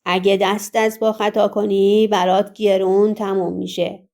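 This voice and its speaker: A woman's voice: medium pitch, level tone, warm tone, natural voice. A woman reading the part of a thick-voiced, threatening male kidnapper in an audiobook, speaking in harsh commands. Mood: menacing. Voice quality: thick, gruff voice.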